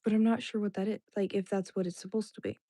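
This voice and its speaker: Talking fast in a mellow, medium-pitched voice with fairly even intonation, a young livestream host whose first language was Indonesian rambles casually with her live chat. She fills her talk with "like"s and keeps restarting sentences. The sound is dry and clean, studio grade.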